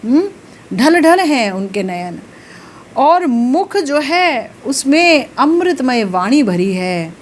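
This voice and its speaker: Slow-speaking woman telling devotional stories. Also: high-pitched, big pitch swings. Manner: slow, emotive storytelling with rising emphasis. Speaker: spiritual teacher. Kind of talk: devotional storytelling discourse.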